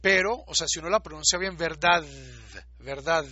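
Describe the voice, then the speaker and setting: A man's voice: high voice, fast, sharp tone, slightly rough, dry recording, dull audio. A man giving a recorded lecture, explaining patiently and repeating words to show how they are pronounced. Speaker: teacher.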